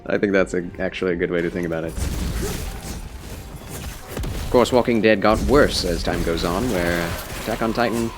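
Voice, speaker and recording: A man with a fairly low, scratchy and slightly phlegmy voice is live streaming a game. He talks in a casual, rambling way to his viewers, sounding tired and under the weather. Music plays clearly behind him. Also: brisk. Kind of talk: casual livestream chat with game commentary.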